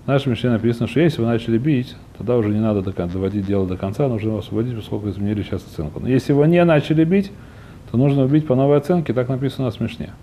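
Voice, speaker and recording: A man with a dark, mid-range voice races through an informal religious text lesson, frequently searching for words and rephrasing while he explains and translates. He says himself that he's not fully fluent in Russian. There's slight background noise.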